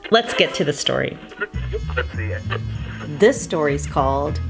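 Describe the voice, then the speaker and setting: Over music, a storyteller host from Southern California, United States, shares a personal scripted tale in a low, gravelly voice with lively intonation. Her delivery is theatrical but conversational, with dramatic pauses and Spanish asides.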